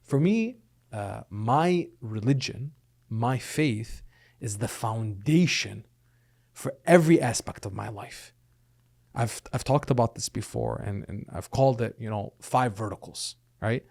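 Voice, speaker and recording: A man's voice: medium pitch, lively intonation, measured pace, vocal fry, darkish tone. Earnest man explaining, asking "right?". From Lebanon and the United States. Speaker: guest, attorney and speaker. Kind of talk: podcast interview.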